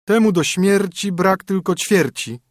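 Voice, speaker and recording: A haughty young princess from a storybook tale, mocking and sing-song, her voice pitched high and swooping, as a man puts her on. The sound is husky and dry, close to the mic. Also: a little slow, no room sound. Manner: sing-song, scornful rhyming.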